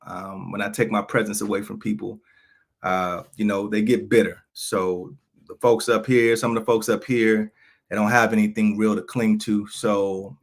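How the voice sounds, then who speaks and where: A vlogger in his thirties delivers an unscripted personal monologue, frank and aggrieved, often restarting and repeating phrases. His voice is fairly low in pitch and a bit bright.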